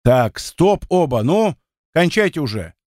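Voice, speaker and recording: A young pilot who steps between squabbling friends and gives blunt orders, read by a male narrator. His voice is a touch high with lively pitch. The sound is close and dry. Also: measured pace, dry recording. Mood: commanding. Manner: firm, commanding.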